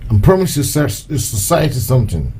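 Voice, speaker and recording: Hosting an online activist live-stream, a man speaks in a loose, repetitive, casual way, slipping in short Yoruba phrases. His mid-range voice is very animated, brisk, and dark, with slight background noise.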